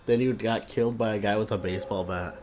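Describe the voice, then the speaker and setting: A man's voice: lowish voice, fairly even intonation, quick pace. A man co-hosting a game let's play, chatting casually with playful, sarcastic jokes. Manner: joking, playful, sarcastic asides. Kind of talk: casual gaming banter. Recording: loud background noise.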